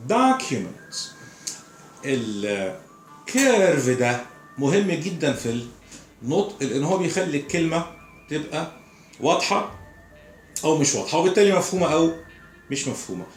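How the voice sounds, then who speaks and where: An Egyptian man gives a recorded pronunciation lesson, repeating each example word slowly. His voice sits a little high. The room is echoey, with soft music behind him. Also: animated. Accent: Egyptian Arabic. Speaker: pronunciation teacher.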